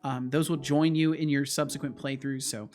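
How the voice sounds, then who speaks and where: A man's voice: mid-range voice, little pitch movement, moderate pace. A man hosting a casual livestream, thinking aloud as he works and chatting with viewers. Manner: thinks aloud, hums to himself. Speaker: game developer livestream host. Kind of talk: casual livestream chat while coding. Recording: music behind the voice. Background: music.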